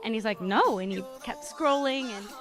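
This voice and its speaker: A woman's voice: fairly high pitch, expressive, normal speed, a bit bright, soft background music. A young woman giving a wedding toast as maid of honor, reading a prepared speech in an affectionate, playful storytelling way. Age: young adult. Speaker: maid of honor, sister of the bride.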